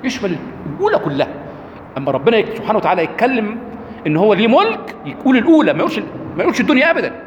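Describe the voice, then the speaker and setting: An Egyptian man lectures with a high voice that swings widely up and down. He keeps throwing questions to his audience as he explains. The sound is roomy, with a long hall reverb and a faint hum behind him. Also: very fast, highs cut off. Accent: Egyptian Arabic. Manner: lively, rhetorical questions to the audience. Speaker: lecturer on Quranic rhetoric. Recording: echoey hall, faint background noise.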